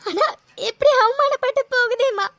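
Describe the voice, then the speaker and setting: A heartbroken young woman played by a woman pleads through tears in a cartoon drama. Her voice is very high-pitched. It is recorded close and dry, with no room sound. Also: moderate pace, bright, forceful tone, dry recording. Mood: tearful. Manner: tearful, pleading. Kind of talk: cartoon voice acting.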